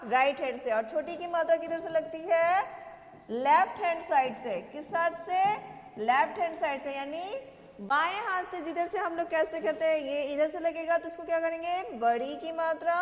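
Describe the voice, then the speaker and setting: A woman's voice: very high voice, moderate pace. A woman teaching a kindergarten language lesson. She asks questions, answers them herself, and draws out the vowels. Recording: echoey roomy sound with long reverb.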